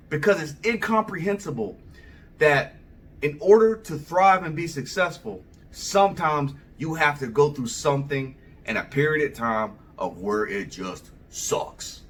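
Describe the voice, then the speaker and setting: A man with a fairly high, lively voice delivers a rambling opinion monologue straight to camera. His talk is casual and animated, with big swings up and down in pitch. He sits a bit away from the microphone. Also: distant mic. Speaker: vlogger.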